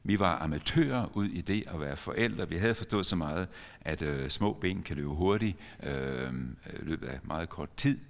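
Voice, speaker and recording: Deep-voiced older pastor in reverberant church. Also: male voice, lively intonation. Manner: earnest storytelling with sudden emphatic rises. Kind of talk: sermon.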